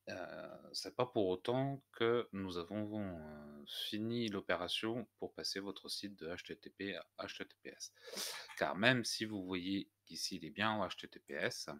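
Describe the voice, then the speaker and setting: A man walking viewers through a software tutorial step by step, hesitant and full of fillers. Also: lowish voice. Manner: hesitant, many "heu" fillers, step-by-step explaining. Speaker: WordPress tutorial host. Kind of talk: screencast tutorial.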